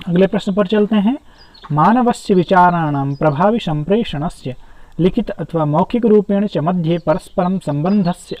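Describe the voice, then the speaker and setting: A man's voice: high-pitched, dark tone, no room sound. A man teaching an exam-prep lesson, reading each question aloud and then explaining it to viewers he calls friends. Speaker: teacher solving an exam paper. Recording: dull, dry, lo-fi recording.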